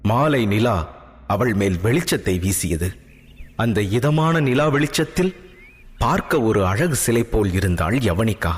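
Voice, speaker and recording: A man narrating a story in a lively, animated scripted manner. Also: fairly low pitch, measured pace, slightly rough. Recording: long hall reverb, faint music.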